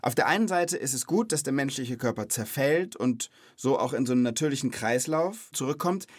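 With lively intonation and a fairly quick pace, a man hosting a kids' knowledge podcast explains topics informally and curiously to a child, pausing to check in with questions. His voice is mid-range, and there's no echo.

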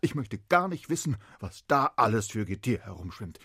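A man's voice: on the low side, sing-song, moderate pace, gravelly, sharp tone, slightly rough, no room sound, studio quality, heavily acted. A fussy, grumbling king-father. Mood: scolding. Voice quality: huffy, scolding. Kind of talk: children's radio play.

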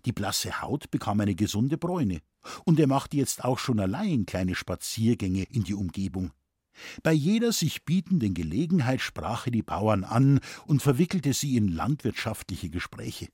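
A man reading a humorous story aloud as the narrator, with a lively, expressive delivery. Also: fairly low pitch, moderate pace, breathy edge, no echo, studio quality. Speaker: audiobook reader.

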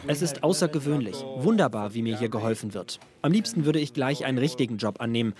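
A man's voice: mid-range voice, animated, quick pace, a little mellow, soft background music. A man reading a voice-over translation of an interview in an earnest, plain manner.

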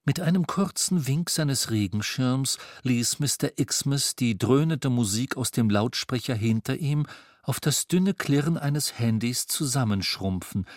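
A man narrating a storybook in an expressive storytelling manner. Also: mid-range voice, no echo, studio quality. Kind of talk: audiobook narration.

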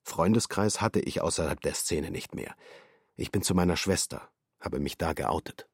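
A man's voice: low voice, moderate pace, breathy edge, no echo, studio quality. An actor playing a male defendant in his thirties, giving clipped, terse testimony in a documentary radio drama.

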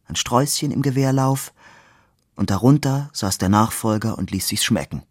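A man reading a novel aloud in a measured, expressive way. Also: medium pitch, no echo, clean studio sound. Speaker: reader. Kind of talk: literary reading.

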